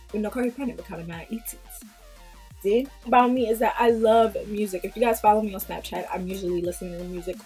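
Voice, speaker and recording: A vlogger in her 20s from Queens, New York, speaks casually and bluntly to the camera in a small indoor room against a plain pink backdrop, occasionally slipping into Jamaican patois phrases. Her voice is on the high side with a darkish tone.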